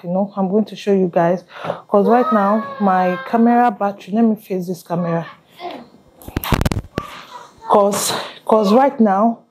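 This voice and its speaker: A woman's voice: mid-range voice, warm tone, breathy edge, rough recording. A young woman talking casually to camera at home, rambling with restarts and pidgin asides. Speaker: vlogger mother. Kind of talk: casual vlog talk to camera. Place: home, indoors.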